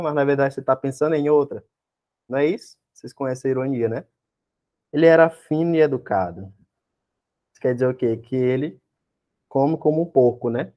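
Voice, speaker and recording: A Brazilian man gives an exam-prep lecture in a mellow, warm voice at a middle pitch. He works through each point patiently and keeps asking his class questions to check that they are following. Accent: Brazilian Portuguese. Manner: explains step by step, constantly checks in with tag questions and rhetorical questions. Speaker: teacher.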